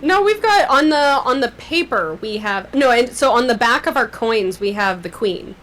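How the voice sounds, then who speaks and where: A woman's voice: on the high side, expressive, normal speed, a bit bright. A young woman, a podcast guest chatting casually, rambling with lots of "like" and frequent laughs. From Canada. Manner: rambling, laughs often, fillers like "like". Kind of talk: casual chat.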